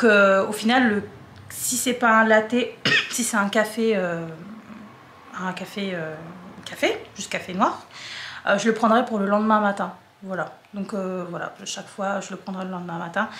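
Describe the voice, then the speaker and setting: Her mid-range voice a bit bright, a young French woman casually chatters through a home unboxing vlog, coughing slightly now and then. Fillers and repeats fill her rambling talk, and the room gives off echo and a faint hum.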